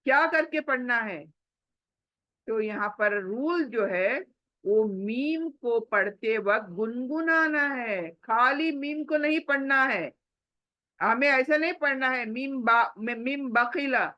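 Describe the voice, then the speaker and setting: A woman's voice: sits high, bright, forceful tone, dry recording, highs cut off. A woman tajweed teacher who patiently repeats examples, hums the letters and asks questions she then answers herself. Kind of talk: recorded Quran recitation lesson.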